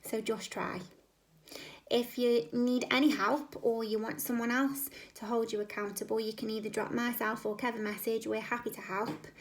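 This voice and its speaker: Squeaky-voiced chatty woman coach. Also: flat delivery, normal speed. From United Kingdom. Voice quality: squeaky, high voice. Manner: chatty, encouraging, with rhetorical tag questions. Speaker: fitness coach. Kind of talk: casual vlog talk to camera.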